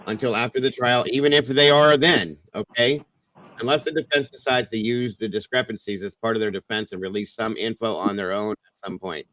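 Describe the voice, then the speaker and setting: A man's voice: lowish voice, fairly quick, fairly bright tone. A man hosting a livestream in casual, rambling commentary that repeats itself, heard through a clipping, distorted microphone. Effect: clipping, distorted mic audio. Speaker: livestream host.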